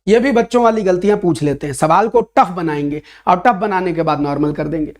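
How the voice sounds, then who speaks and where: A man teaching a Hindi grammar class for an exam, lively and playful, reading out comments and answering them. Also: high-pitched, brisk. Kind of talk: online exam-prep class.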